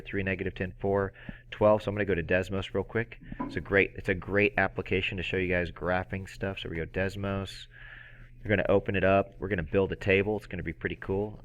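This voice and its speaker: A man teaching a math lesson, energetic and playful, with excited outbursts. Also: sits low. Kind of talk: screen-recorded math lesson.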